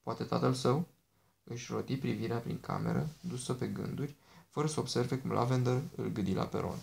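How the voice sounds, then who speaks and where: A man reads an audiobook at a steady, measured pace. His voice is mid-pitched with a pronounced gravelly fry running through it. He keeps an even storytelling manner. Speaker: audiobook narrator. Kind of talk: audiobook reading.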